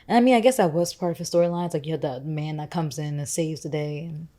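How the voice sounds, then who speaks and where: A woman's voice: low-pitched, fast talker, mellow. A young woman co-hosting a podcast, talking in a casual, rambling way with lots of "like" fillers. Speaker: podcast co-host. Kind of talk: casual conversational chat.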